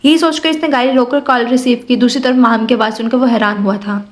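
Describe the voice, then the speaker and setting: A woman narrating a romance novel as an audiobook, in a steady, soft storytelling manner. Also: fairly high pitch.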